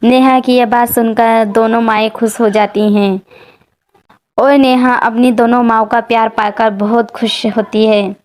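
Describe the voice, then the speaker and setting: High-voiced woman narrating a story. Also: fairly even intonation, measured pace, darkish tone.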